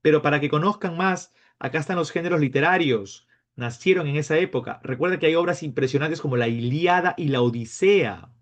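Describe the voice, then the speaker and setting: A man teaching a class, lively and playful, acting out his students' questions. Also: medium pitch. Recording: dull lo-fi sound.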